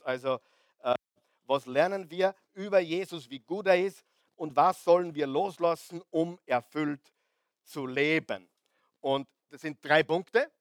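A middle-aged man preaching a lively sermon to a congregation, often asking the crowd questions and swinging between loud and soft. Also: fairly high pitch, no room sound. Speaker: pastor.

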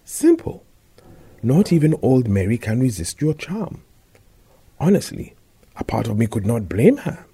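A man's voice: mid-range voice, wildly swooping pitch, measured pace, long pauses, mellow, breathy edge, voice pushed up, exaggerated voice. Type: man voicing a charming, flirtatious general. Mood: flirting. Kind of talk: audiobook dialogue.

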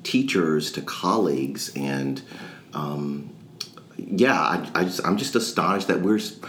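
A man co-hosting a podcast as a pastor, chatting casually in a reflective, halting way. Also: rumbling low, expressive, fairly bright tone. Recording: roomy echo with faint background noise.

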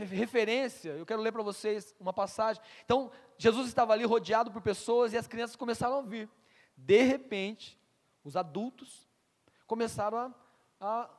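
Guy preaching in a church, high-ish voice, stumbles on words and restarts, big echoey hall. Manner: stammers on restarts, asks the congregation questions. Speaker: pastor. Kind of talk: sermon. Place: church hall with long reverb.

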